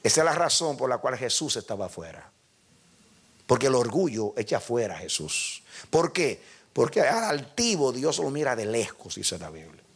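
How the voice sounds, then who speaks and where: A man's voice: medium pitch, sing-song, moderate pace, slightly rough. An older male pastor preaching a sermon, emphatic and speaking directly to his congregation.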